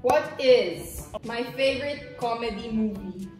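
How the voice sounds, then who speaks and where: Filipino woman, 20s, lively casual banter in English and Tagalog, very echoey room. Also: on the high side, measured pace, distant mic. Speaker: vlogger playing a sisters' quiz. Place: indoor dining room at a glass table. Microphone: camera mic a few feet away. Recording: very echoey room, music behind.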